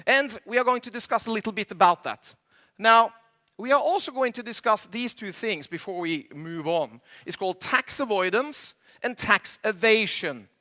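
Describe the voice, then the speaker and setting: This middle-aged man from Norway speaks English as a second language with a Norwegian accent, his high voice bright, keen and expressive at a normal speed. Working a live conference crowd from the stage, he cracks jokes, quizzes the audience and talks in slightly imperfect English.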